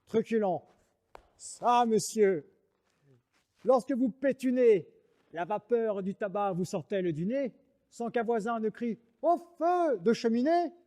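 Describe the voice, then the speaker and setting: A man's voice: a little high, dark tone. An actor playing a proud, mocking swordsman poet in a French verse monologue, declaiming like a hammy stage actor. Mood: bombastic. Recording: reverberant hall sound.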